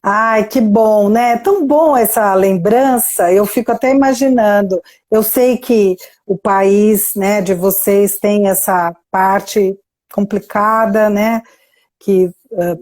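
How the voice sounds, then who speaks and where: In her mid-range, slightly mellow voice, a woman with a Brazilian Portuguese accent interviews a guest live via video call. The conversation is warm and she's effusive and chatty, sprinkling in frequent "né?" question tags.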